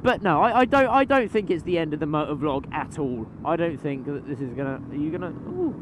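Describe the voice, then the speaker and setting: A man's voice: fairly high pitch, lively intonation, a little fast. A young man chatting casually while riding a motorbike at night, rambling with fillers and casual swearing. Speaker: motovlogger. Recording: road and engine noise behind.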